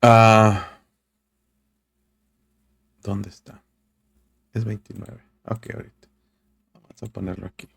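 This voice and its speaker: Gravelly low-voiced pastor preaching. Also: male voice, flat delivery, slow, pauses often. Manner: preaching earnestly, addressing listeners as brother; reads scripture aloud, searches for verses mid-talk. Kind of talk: sermon.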